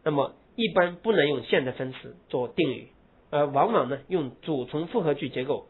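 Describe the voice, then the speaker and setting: Husky man giving a grammar lesson. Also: fairly high pitch, lively intonation. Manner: explains in Mandarin, drawls English example phrases slowly with heavy stress; rhetorical questions answered himself. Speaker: English grammar teacher. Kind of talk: classroom grammar lecture. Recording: tinny phone-like lo-fi recording.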